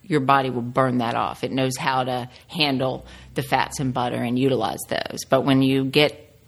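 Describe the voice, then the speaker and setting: A woman's voice: extremely low pitch, level tone, moderate pace, vocal fry. A middle-aged woman from rural Virginia chatting casually as an interview guest, telling personal stories in a rambling way that wanders into tangents. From rural Virginia, United States. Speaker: guest, home cook and cookbook author.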